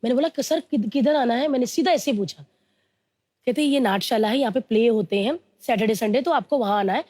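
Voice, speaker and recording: A woman in her thirties from India, telling her life story in an interview, slowly and earnestly, mixing English words into her talk. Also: on the high side, mellow, no room sound, clean studio sound. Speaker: interview guest.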